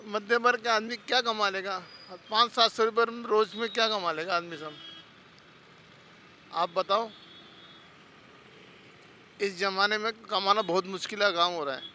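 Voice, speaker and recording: A man's voice: high-pitched, fairly even intonation, normal speed, pauses often, sharp tone, a little hiss or hum. A man interviewed on a city street, complaining at length and listing rising prices. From Rajasthan, India. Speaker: street interviewee, day laborer.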